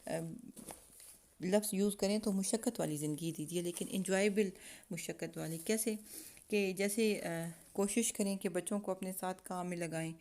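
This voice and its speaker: Woman host, mid-pitched, informal advice talk, hesitant and questioning. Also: a little mellow. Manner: conversational, with frequent hesitations and rhetorical questions; acts out parent-child exchanges as examples. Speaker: channel host giving parenting advice. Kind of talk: informal talk on child psychology.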